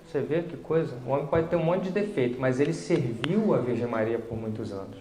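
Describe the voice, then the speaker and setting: A man with a Brazilian Portuguese accent telling a personal faith story in a lively conversational way, acting out the dialogue as he goes. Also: medium pitch, brisk, a little hiss or hum. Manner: conversational, animated retelling with quoted dialogue. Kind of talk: storytelling testimony. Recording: roomy echo.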